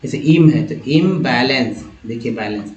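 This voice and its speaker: A man's voice: medium pitch, expressive, moderate pace, a little mellow. A man teaching English word parts to viewers step by step, addressing them as friends. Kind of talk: spoken phonics lesson. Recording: echoey room, dull lo-fi sound.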